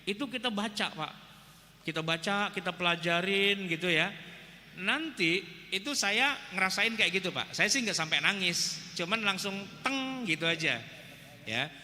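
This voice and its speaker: Male preacher, Jakarta accent, bright and slightly high voice, casual joking delivery, reverberant hall with faint hiss. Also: animated, measured pace. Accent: Jakarta Indonesian. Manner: chatty, joking, addresses audience as "Pak". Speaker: Islamic preacher. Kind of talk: informal religious lecture.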